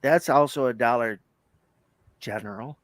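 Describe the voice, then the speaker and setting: A man's voice: medium pitch, unhurried. A man in casual banter who teases his friend and laughs often.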